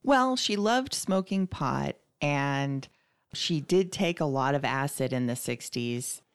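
A woman with a strikingly low voice recounts a family story on a podcast. She talks casually and unhurriedly, with a dry, wry humor. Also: expressive, takes it slowly, clear, resonant tone. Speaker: podcast co-host.

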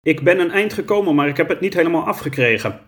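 A man's voice: a little high, expressive, quick pace, pitched above the performer's own voice, natural voice. Een man die een rustige zwerver speelt. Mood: calm. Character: calm, easygoing adult man, a drifter.

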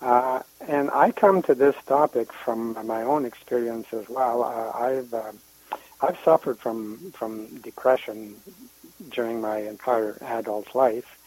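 A man's voice: mid-range voice, slow, darkish tone, no room sound, poor audio. A man from Canada, a guest commentator speaking hesitantly on a radio show. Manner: hesitant, many uhs and restarts. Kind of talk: casual radio interview.

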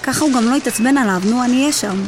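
A woman's voice: a little high, natural voice. An actress playing a cheerful, affectionate young woman friend in a radio drama. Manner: breezy, affectionate. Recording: noisy background.

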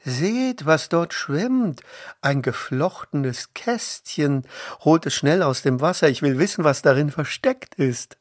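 A man's voice: mid-range voice, a little slow, slightly rough, no echo, clean studio sound. A man reading the part of a young Egyptian princess, calling out eagerly and speaking with tender pity. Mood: excited. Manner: raised excited exclamations, tender pity.

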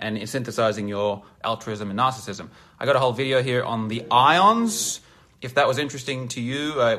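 A man giving a blunt, emphatic self-help lecture that turns into a sales pitch, swearing freely. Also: fairly bright tone. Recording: long hall reverb.

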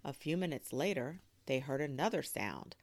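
A woman hosting a storytime, reading a children's book aloud in an expressive, animated way. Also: a bass voice, normal speed, dry recording. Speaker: storyteller host.

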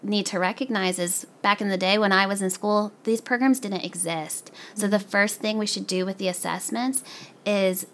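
This podcast guest, a professional learning specialist from the American South, has a mid-range voice with a steady tone and talks at normal speed. Her interview answers come across as earnest, enthusiastic and conversational.

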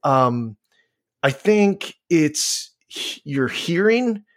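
A man's voice: fairly high pitch, big pitch swings, drawn-out words. A man co-hosting a casual chat, rambling with lots of fillers and restarts. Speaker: podcast co-host.

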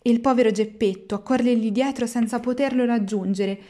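A woman reads a classic storybook aloud. Her voice is mellow and warm in tone, and she keeps a measured pace, leaning into the expressive turns of the tale. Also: on the high side. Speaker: narrator. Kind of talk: storybook reading.

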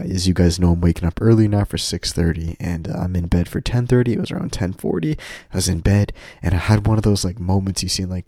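Deep, mellow man with slightly stuffy nose. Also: dry recording, clean studio sound. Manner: informal, candid, rambling, addresses listeners as guys. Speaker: podcast host. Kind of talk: casual solo podcast monologue.

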